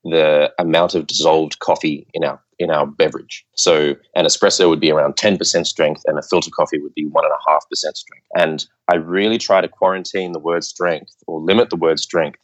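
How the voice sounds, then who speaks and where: A man guesting on a podcast, explaining coffee ideas in a relaxed, lecture-like way with plenty of filler words. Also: extremely low pitch, brisk, few pauses, dull audio. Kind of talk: casual interview talk.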